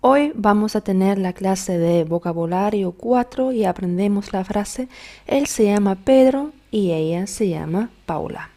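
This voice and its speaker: A woman's voice: medium pitch, lively intonation, unhurried, warm tone. A woman teaching a beginner language lesson, patiently drilling new words and modeling their pronunciation.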